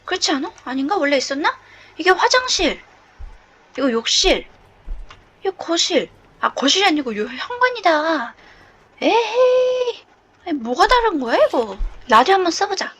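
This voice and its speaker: A woman playing a horror game and chatting nervously as she explores, often shouting and laughing from fright. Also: high voice, very animated, normal speed. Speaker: game streamer. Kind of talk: horror game let's play.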